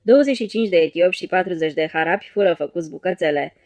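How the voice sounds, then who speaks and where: Woman audiobook narrator, lower voice, dry studio sound. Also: dry recording. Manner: steady storytelling read. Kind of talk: scripted narration.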